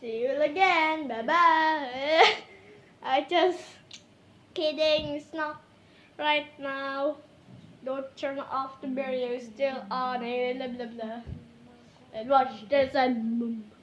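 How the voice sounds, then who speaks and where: Giggly high-voiced woman vlogging. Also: fairly even intonation, takes it slowly, a bit bright, echoey room, slight background noise. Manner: giggly, silly, talks to her viewers. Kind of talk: playful vlog chatter.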